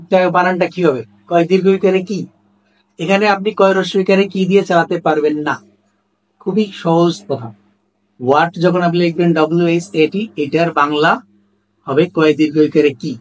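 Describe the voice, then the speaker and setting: A man teaches a spelling rule. His voice sits a little high, and he speaks emphatically, often repeating example questions back to the listener. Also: moderate pace, pauses often, low-quality recording. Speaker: language teacher. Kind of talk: explanatory lesson to camera.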